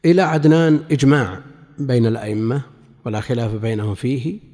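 Dark-voiced male teacher in a reverberant hall. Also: medium pitch. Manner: measured, explanatory, with pauses between phrases. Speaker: religious teacher. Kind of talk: lecture explaining a classical hadith commentary.

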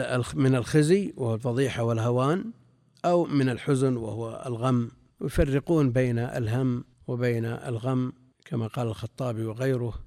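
A man's voice: mid-range voice, a little mellow, no room sound, clean studio sound. A man teaching a classical religious text, reading quoted sources aloud and explaining them, repeating phrases and correcting himself as he goes, sometimes asking his students questions. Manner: reads quoted sources, then explains in a measured way. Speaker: Islamic scholar teaching a text. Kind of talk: classical text lesson with commentary.

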